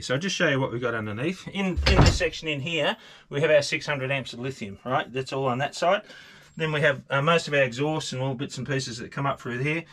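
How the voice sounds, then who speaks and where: An Australian man in his fifties, a sailing vlogger, chatting casually to camera on his boat with lots of fillers. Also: mid-range voice. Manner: relaxed, rambling with many fillers. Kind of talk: casual vlog talk to camera. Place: sailboat deck outdoors, then inside the boat's cabin.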